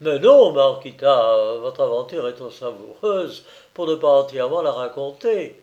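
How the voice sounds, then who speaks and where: A man reading a novel aloud, voicing an eager young male illustrator with lively, emphatic delivery. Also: mid-range voice, moderate pace, highs cut off, close to an everyday voice. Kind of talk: audiobook character reading.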